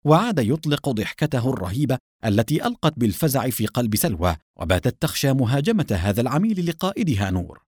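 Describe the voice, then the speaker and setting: A man's voice: mid-range voice, sing-song, quick pace, a little mellow, husky, no echo, clean studio sound. A man giving dramatic, scripted narration of a children's adventure story.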